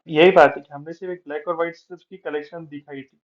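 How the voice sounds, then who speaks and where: भारतीय लहजे वाला एक पुरुष शिक्षक, जो हिंदी में मनोविज्ञान का पाठ समझाता है और अंग्रेज़ी अंश धीरे-धीरे पढ़ता है।. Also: male voice, fairly high pitch, fairly even intonation, dull audio. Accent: Indian. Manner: mixes Hindi explanation with slowly read English passages, many filler phrases. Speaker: psychology teacher. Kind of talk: explaining a lecture, reading out English text slowly.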